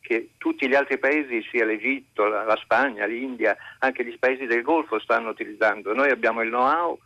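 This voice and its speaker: A man phoning into a radio show, his voice bright and a bit sharp, heard dry and close. He lays out his point earnestly and at length, breaking off mid-word and starting over again and again. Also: mid-range voice, dry recording, highs cut off. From central Italy. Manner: earnest, long-winded explaining with frequent halting restarts. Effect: calling in by phone to a radio show. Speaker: caller. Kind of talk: phone-in question to a radio host. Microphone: phone.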